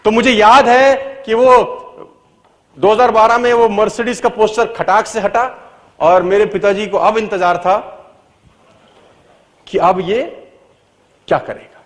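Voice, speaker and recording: A middle-aged man giving a motivational talk, telling his own story and swinging between loud emphatic peaks and low quiet asides, with English phrases mixed in. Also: steady tone, takes it slowly, pauses often. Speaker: motivational speaker.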